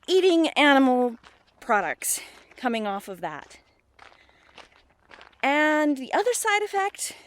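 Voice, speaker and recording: This middle-aged woman's voice is a little high as she talks casually in a rambling personal vlog, often emphatically second-guessing herself. She records on a handheld phone at arm's length, and slight background noise is present.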